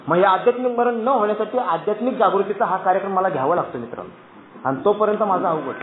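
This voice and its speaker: At a recovery meeting, a high-pitched man in his thirties from Maharashtra stands on a dais sharing a heartfelt, emphatic testimony, repeatedly calling to his friends. Slight background noise runs under an echoey, tinny, phone-like recording.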